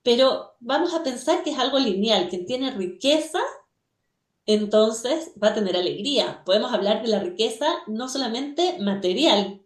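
A woman's voice: on the high side, expressive, moderate pace, echoey room. A woman giving a reflective radio talk on a religious teaching, telling an everyday story and asking rhetorical questions. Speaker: guest speaker, religious teacher.

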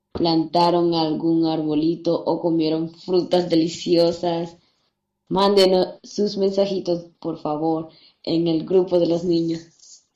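A woman's voice: fairly low pitch, warm tone. A woman presenting a scripted newscast for children. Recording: dull lo-fi, roomy echo. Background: music.

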